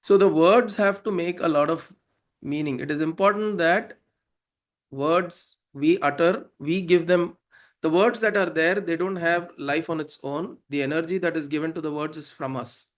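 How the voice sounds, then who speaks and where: With a slightly high voice at an ordinary pace, a South Indian man explains devotional verses as their teacher. He keeps it informal and instructive, frequently pausing to ask if listeners are following; the verses are Sanskrit devotional hymns.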